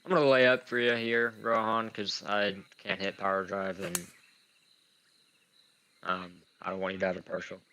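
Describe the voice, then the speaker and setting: A man's voice: deep voice, level tone, moderate pace, bright, forceful tone, a little hiss or hum. A young man who says w for r, giving casual, rambling, self-deprecating live commentary while he plays games. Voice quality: says w for r, speech impediment. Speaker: gamer commentating on own play.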